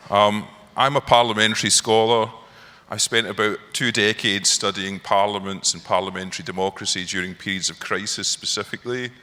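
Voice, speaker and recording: A man's voice: fairly low pitch, pushed and bright. A man with a Glaswegian Scottish accent, a panellist and parliamentary scholar introducing himself on a theatre stage in a wry, then firm and persuasive way. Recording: theatre hall reverb.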